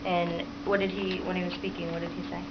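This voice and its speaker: A woman on the low side, speaking fairly quickly in a level tone, reads a story to children as a teacher might. She asks them questions and repeats their replies encouragingly. The recording, made at home, is lo-fi and dull with clear background noise.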